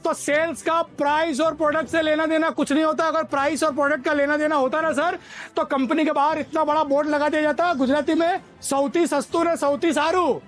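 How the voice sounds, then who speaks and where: A male sales trainer giving an energetic motivational seminar in a hall and drilling the audience to repeat his lines. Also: very high voice, fairly quick.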